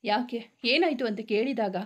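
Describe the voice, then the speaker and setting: A woman reads a serialized romance story aloud, voicing each character's dialogue herself with small shifts of tone. Her voice sits a little high. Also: normal speed.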